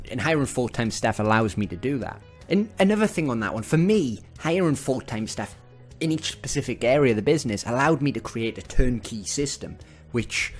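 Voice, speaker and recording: Bloke from the northeast of england, chatty and upbeat, talking biz to camera, bit of music behind. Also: male voice, medium pitch. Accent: northern English, northeast England. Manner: chatty, upbeat, salesy, chuckling asides. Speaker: business owner giving advice. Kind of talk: casual direct-to-camera advice talk.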